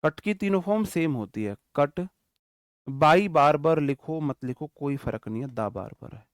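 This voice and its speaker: Male grammar teacher, fairly high pitch, patient dictation, frequent check-ins, dry studio sound. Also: expressive, clear, resonant tone, no echo. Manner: slowly dictates example sentences word by word; checks in often with the class. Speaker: English teacher. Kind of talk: online grammar lesson.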